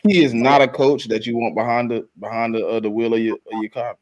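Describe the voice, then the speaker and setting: A man's voice: mid-range voice, fairly even intonation, fairly quick, a little mellow. Chill guy on a sports podcast, slangy, medium voice. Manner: slangy and laid-back. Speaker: podcast co-host. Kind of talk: casual sports chat.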